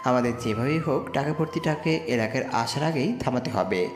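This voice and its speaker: A man with a mid-range voice speaks a little fast as he reads a scripted first-person story with dramatised delivery, acting as both narrator and lead character in an audio love story. The recording has echoey reverb, with music playing in the background.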